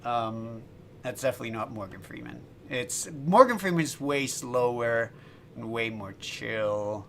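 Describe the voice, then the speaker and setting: A man's voice: medium pitch, unhurried, vocal fry, bright, forceful tone, a little hiss or hum. A man chatting casually on a livestream while making music, laughing often and restarting his sentences. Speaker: streamer and musician.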